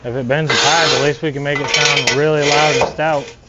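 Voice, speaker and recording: Man, vlog co-host, dry teasing remarks, muffled audio with loud noise behind. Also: a little high, brisk. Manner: teasing, deadpan ribbing. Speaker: co-host of a repair channel. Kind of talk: casual garage banter.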